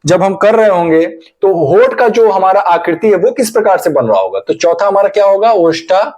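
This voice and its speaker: A man's voice: sits high, expressive, moderate pace, a little mellow. A man teaching an exam-prep grammar lesson, asking questions and answering them himself while repeating each key term. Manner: addresses viewers as friends.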